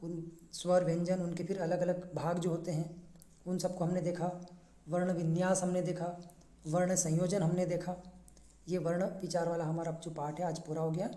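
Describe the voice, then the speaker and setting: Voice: medium pitch, little pitch movement, moderate pace, mellow, echoey room. A teacher giving a classroom lesson, patiently breaking words into single letters and sounds. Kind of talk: classroom lesson, spelling out syllables.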